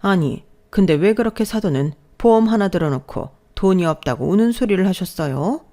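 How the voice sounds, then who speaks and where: A woman's voice: mid-range voice, lively intonation, brisk, mellow, lightly acted. A woman voicing a snobbish older mother-in-law who talks in a haughty, shrieking way. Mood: whiny.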